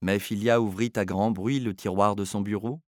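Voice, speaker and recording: A man narrating a story in a scripted, expressive and theatrical reading. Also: lowish voice, normal speed, no echo, studio quality.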